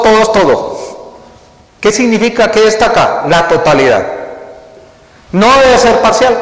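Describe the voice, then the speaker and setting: Pastor, male, higher-pitched, sermon delivery, repeats words for stress, long church reverb. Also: a bit bright. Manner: repeats key words, asks the congregation questions. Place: church hall.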